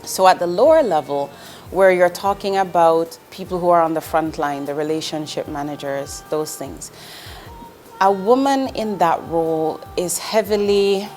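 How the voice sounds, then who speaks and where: With soft background music playing, this Jamaican woman in her forties speaks at a moderate pace in a lowish, darkish voice. As an investment executive being interviewed, she answers earnestly and directly, with ums and the occasional restart.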